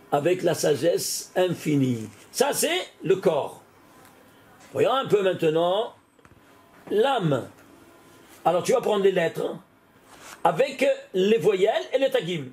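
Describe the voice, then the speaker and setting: A man, a rabbi, giving an animated Torah lesson, often exclaiming and putting questions straight to the listener. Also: high-pitched, slow, gravelly, pauses often. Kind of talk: lively spoken Torah lesson.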